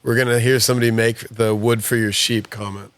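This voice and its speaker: A man's voice: mid-range voice, little pitch movement, fairly quick, fairly bright tone, dry recording. A man co-hosts a casual podcast and explains things with hesitant restarts. His voice sits in a middle range and is recorded dry, with no room sound. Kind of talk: casual chat.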